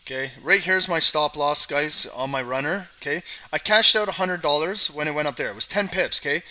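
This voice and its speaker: This Canadian trading livestream host talks a little fast, his higher voice pushed and bright. He keeps things casual, speaking to the people in his chat and ending lines with "okay" and "guys."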